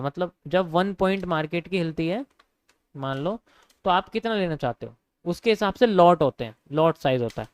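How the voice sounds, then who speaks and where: Smooth-voiced young man teaching live. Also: high-pitched, no echo. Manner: casual, repeats points, addresses viewers as bro. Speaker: trading teacher. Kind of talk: live online trading lesson.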